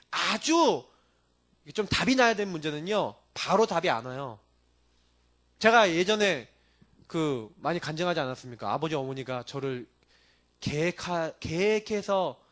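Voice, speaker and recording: A man preaching a sermon as pastor, emphatic and lively, mixing in personal testimony. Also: high-pitched.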